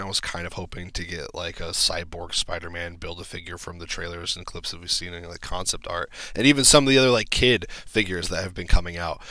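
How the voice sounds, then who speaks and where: A low-voiced man talks through toy news in a casual, filler-heavy way and gives blunt opinions. His tone is bright and forward. The room sounds dry and close. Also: no room sound. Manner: chatty, frequent ums and likes, blunt opinions. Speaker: toy collector channel host.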